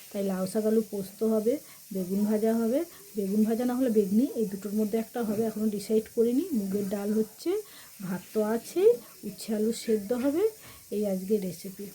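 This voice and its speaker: A woman records a casual home vlog while she cooks, keeping her voice hushed and gentle. Her tone is mellow and warm, and faint noise sits behind her. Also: mid-range voice, a little fast, low-quality recording. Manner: speaks softly and quietly. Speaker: vlogger. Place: at home, cooking in the kitchen.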